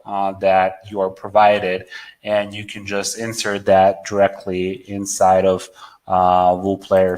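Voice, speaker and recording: A lowish, fairly flat male voice hosts a casual online webinar, stopping and restarting often with fillers as he reads out questions and clicks through a demo. The sound is dry and close, recorded on a desk mic. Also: no room sound. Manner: halting, many fillers and repeated words, reads out attendee questions. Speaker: webinar host answering product questions.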